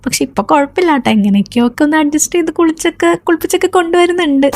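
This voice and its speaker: A woman vlogger and young mother narrating her day in a chatty voice-over, often tagging a soft "tto" onto her sentences. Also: high voice, animated, very fast.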